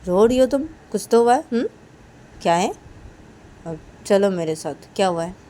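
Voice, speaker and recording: A woman voicing a bold, protective young woman who talks loudly and keeps firing questions. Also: medium pitch, animated, normal speed, natural voice. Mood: insistent. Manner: loud, insistent, repeating questions.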